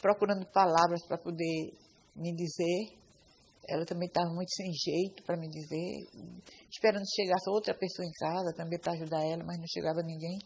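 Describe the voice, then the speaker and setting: Middle-aged mother for a documentary interview, slow halting testimony with repeats, faint background hiss. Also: lowish voice, fairly even intonation, rough recording. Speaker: mother of a victim.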